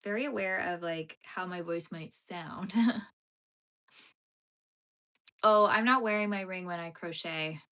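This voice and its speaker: A young woman chats casually on a live stream filmed vertically on her phone, crocheting and reading her chat aloud. Her fairly low voice is clear, resonant, pushed and bright, moving at a measured pace with frequent pauses, and she laughs often and uses plenty of fillers.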